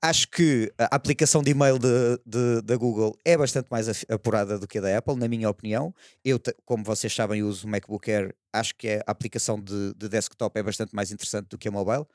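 A man's voice: fairly low pitch, steady tone, fast talker, few pauses, dry recording, clean studio sound. A man with a European Portuguese accent talking casually on a podcast, in a hesitant, meandering way with frequent check-in questions. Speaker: podcast panelist. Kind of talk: casual chat.

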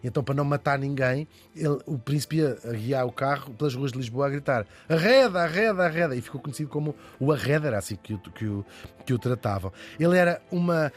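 Fast-talking Portuguese man telling history. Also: mid-range voice, faint music behind. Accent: European Portuguese. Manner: lively, chatty, jokey asides. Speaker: podcast host. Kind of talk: casual history storytelling.

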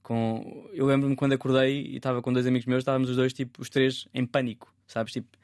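A man speaks as a guest in a casual interview, at a middle pitch. He talks in a thoughtful way, often breaking off and repeating words as he searches for them. The sound is dry and close to the microphone. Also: flat delivery, fast, a little mellow, clean tone, dry recording. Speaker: photographer guest.

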